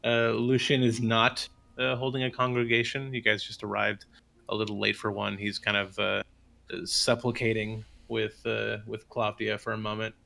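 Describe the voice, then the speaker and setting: Gravelly-voiced man running a tabletop game. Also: lowish voice, normal speed. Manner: relaxed, with many fillers. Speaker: game master.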